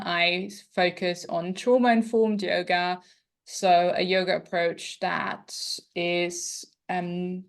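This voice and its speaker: A woman from Austria with a light Austrian accent, hosting a podcast interview and speaking gently and thoughtfully with soft fillers. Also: fairly low pitch, smooth. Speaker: podcast host, yoga teacher and dietitian.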